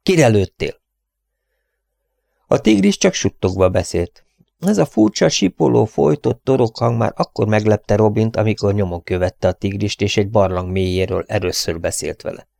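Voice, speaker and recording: A man reading an adventure novel aloud as an audiobook narrator, in a measured, dramatic storytelling manner. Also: lowish voice, creaky, warm tone, no echo, studio quality. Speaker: audiobook reader. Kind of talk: scripted narration.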